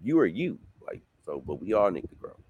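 A man in his late thirties, a guest author talking casually in an interview, loose and repetitive, jumping into excited bursts. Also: deep voice, a little fast, husky, dry recording, dull audio. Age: 30s. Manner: loose, repetitive, rising to excited bursts when quoting himself.

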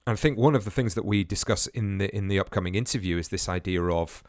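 Low-voiced and a little mellow, this podcast host talks fast in a casual, rambling solo show, often restarting and repeating words. It's studio-quality audio without echo, captured via a remote podcast rig with headphones.

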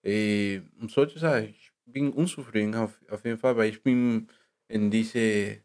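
A man from the Republic, chatting casually in halting, broken German and laughing often. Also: fairly low pitch. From Dominican Republic. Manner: non-native German, halting broken grammar; laughs often, rises when animated. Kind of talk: casual chat.

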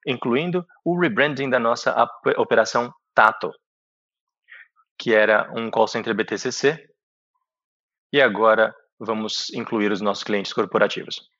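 A Brazilian man interpreting a business presentation live, with halting phrasing. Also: mid-range voice, bright, forceful tone. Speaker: simultaneous interpreter for an executive. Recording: dull, echoey conference call audio.

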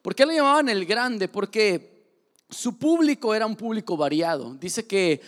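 Mexican preacher man, high voice. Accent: Mexican Spanish. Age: 30s. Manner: joking, acts out voices. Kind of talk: lively sermon. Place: large church hall. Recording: church hall reverb.

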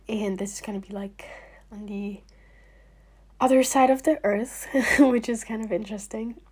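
Husky young woman, casual vlog chat. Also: fairly high pitch, darkish tone. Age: young adult. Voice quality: husky, slightly hoarse. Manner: chatty, frequent fillers, drops to near-whispers. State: recovering from illness, clearing throat. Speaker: vlogger. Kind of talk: casual talk to camera.

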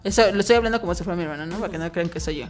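A woman's voice: on the low side, racing, soft background music. A Mexican woman co-hosting a podcast in casual chat, telling stories frankly and swearing freely. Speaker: podcast co-host.

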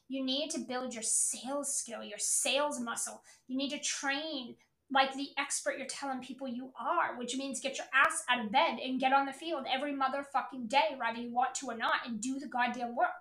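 Female sales coach, high register, hard-hitting motivational delivery with swearing and insistent repetition, recorded in a reverberant room. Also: fairly bright tone. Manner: blunt, emphatic, repetitive, swearing. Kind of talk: motivational coaching talk to an online audience.

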